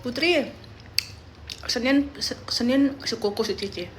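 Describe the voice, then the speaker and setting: A young woman chatting on a phone livestream, telling animated stories and quoting her friends. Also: a little high, unhurried, a little hiss or hum. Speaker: live streamer. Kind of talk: casual livestream chat.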